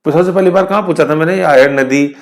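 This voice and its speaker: A man's voice: on the high side, fairly quick, reverberant. A male teacher giving a chatty exam-prep history lesson, often asking rhetorical questions. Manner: chatty, asks students rhetorical questions, jokes with class.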